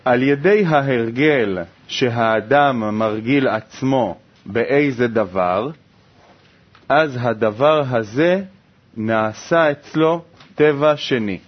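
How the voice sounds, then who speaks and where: A man reads a text aloud for a study lesson. He keeps a quick, steady pace throughout. The sound is dull and lo-fi. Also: medium pitch. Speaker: reader. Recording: dull lo-fi recording.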